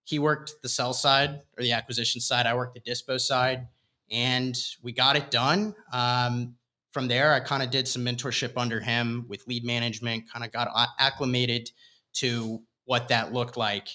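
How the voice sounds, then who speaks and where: A man in his twenties, a company founder, telling his story in a relaxed, loose way as a guest in a studio interview. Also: medium pitch, moderate pace. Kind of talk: casual interview talk.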